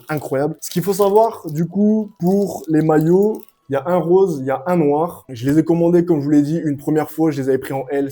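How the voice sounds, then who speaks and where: A young man giving a casual, excitable clothing review at home, full of slang and hype. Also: a little high. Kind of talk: casual product review vlog. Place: at home, sitting and standing up to show clothes.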